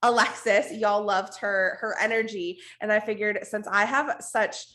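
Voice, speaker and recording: A woman with a hoarse, raspy, strained voice gives an informal, emphatic, unscripted motivational team talk on a video call. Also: medium pitch, steady tone, a little slow, bright, forceful tone. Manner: informal, emphatic, repeats for stress, blunt. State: hoarse, losing her voice, coughing now and then. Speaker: network marketing team leader hosting an online meeting.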